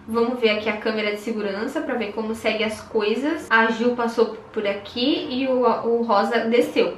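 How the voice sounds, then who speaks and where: High-voiced chatty Brazilian woman gamer. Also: roomy sound. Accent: Brazilian Portuguese. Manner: chatty, exclamatory, swings from shrieks to mutters. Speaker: gaming youtuber. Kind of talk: excited gameplay commentary.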